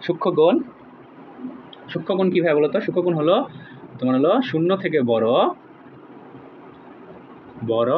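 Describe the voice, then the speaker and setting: A man's voice: fairly high pitch, narrow, tinny audio, a little hiss or hum. A young man teaching an online math lesson, drilling students with repeated questions in a jokey, brotherly way. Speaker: math tutor.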